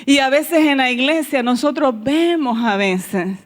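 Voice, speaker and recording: A woman's voice: high voice, expressive, a little slow. A woman pastor giving a sermon, telling her own story and addressing the congregation as beloved. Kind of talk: sermon testimony.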